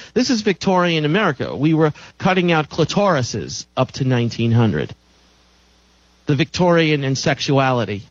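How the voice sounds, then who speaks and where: A man's voice: mid-range voice, no echo, muffled recording. A man hosting a call-in radio show, lecturing in an emphatic way and repeating phrases for stress.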